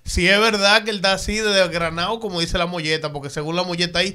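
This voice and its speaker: A Dominican man hosting a radio show. His voice is high and smooth, and he speaks fast, often repeating words as he starts his sentences. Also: fairly even intonation, pushed and bright. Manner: fast, stammering restarts. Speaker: radio host. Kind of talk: lively studio chat. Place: radio studio. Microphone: studio mic on boom arm.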